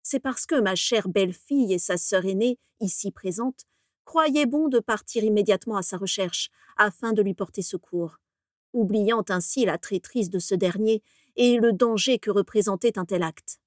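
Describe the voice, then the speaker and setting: A woman's voice: medium pitch, moderate pace, no room sound, studio quality, close to an everyday voice. A woman voicing a cold, scheming old wizard patriarch in an audiobook reading, icy and contemptuous. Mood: smug.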